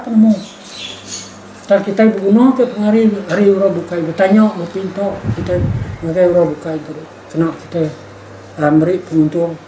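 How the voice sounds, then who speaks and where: Warm in tone and high in pitch, an older man reflects informally in an interview. He's emphatic, says things more than once, and adds rhetorical tags like questions; the audio has a roomy echo with faint background noise.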